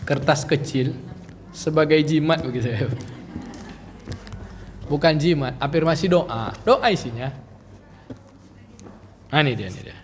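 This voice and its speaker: A male preacher teaches in a high voice, joking and talking straight to his female audience. His voice echoes with long reverb through a large hall with faint ambience underneath. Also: a little slow, long pauses, slight background noise. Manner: chatty, joking, addresses the women listeners directly. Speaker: religious teacher. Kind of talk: religious study lecture.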